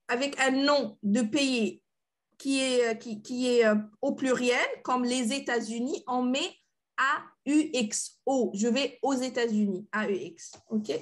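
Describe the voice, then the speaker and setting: A woman teaching French in an online class over a video call, playful and encouraging, laughing often. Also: high voice.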